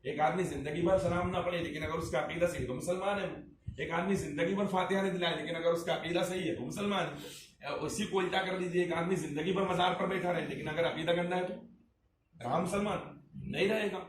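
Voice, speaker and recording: A man in the role of Islamic cleric leads a religious discussion, fairly high-voiced and emphatic, firing rhetorical questions at his listener. He sits back from the microphone in a roomy, echoing space. Faint ambient noise hums underneath. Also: steady tone, a little fast. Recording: echoey room, distant mic, faint ambience.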